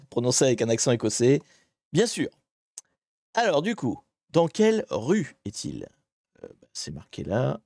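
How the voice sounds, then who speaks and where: A man streaming live, chatting with his viewers as he hunts through online maps and grumbles at the software. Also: medium pitch, no echo, studio quality. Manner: chatty, talks to chat while searching maps, mildly exasperated. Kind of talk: live-streamed geography puzzle commentary.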